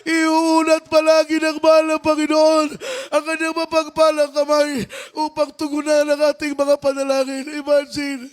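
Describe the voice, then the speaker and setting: Filipino guy preaching, really high voice, flat sing-song drone, music playing faintly under him. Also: normal speed. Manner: fervent, repetitive refrains, rising to shouts. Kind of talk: sermon.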